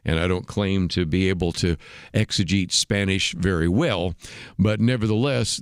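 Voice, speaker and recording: A man with a lowish voice hosting a radio talk show, recorded dry and close in a studio. He speaks in a measured, explanatory way and often fills pauses with "uh". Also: dry recording. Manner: measured, explanatory, frequent "uh" fillers. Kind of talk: unscripted radio commentary.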